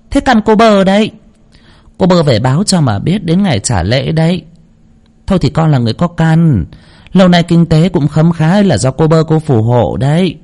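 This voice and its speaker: A man's voice: fairly high pitch, darkish tone, pitched above the performer's own voice. A man voicing a shrewd middle-aged female spirit medium who speaks in a knowing, insistent way, in a storytelling narration.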